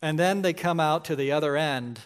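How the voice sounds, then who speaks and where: A man's voice: on the high side, moderate pace, clear, resonant tone. A man in his forties preaching a sermon in a conversational way, often checking in with "right?". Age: 40s. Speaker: pastor.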